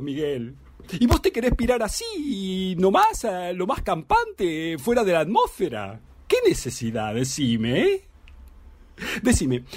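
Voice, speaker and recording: A frantic wife with an Argentine accent, played by a man reading a theatre monologue, scolds and begs her runaway husband, stumbling over her words. Her pitch swings wildly up and down, and the tone is husky. The sound is dry and close. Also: no echo, exaggerated voice. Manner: pleading, exasperated, scolding, stammering.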